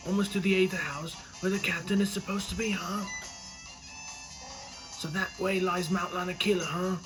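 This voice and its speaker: A man voicing a cheerful, chatty teenage boy from a video game, musing out loud. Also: high voice, fairly even intonation, moderate pace, music in the background, pitched above the performer's own voice, lightly acted.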